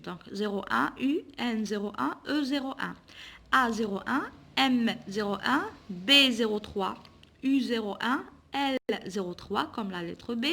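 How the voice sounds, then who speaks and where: A woman, a primary school teacher who gives a slow, patient reading lesson to young children and sounds out each syllable. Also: fairly high pitch, vocal fry.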